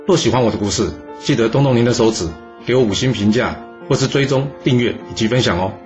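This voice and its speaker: A man's voice: medium pitch, fast, darkish tone. A man closing his storytelling podcast, addressing listeners in a friendly way. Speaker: podcast host. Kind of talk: podcast outro. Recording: dull lo-fi with music behind.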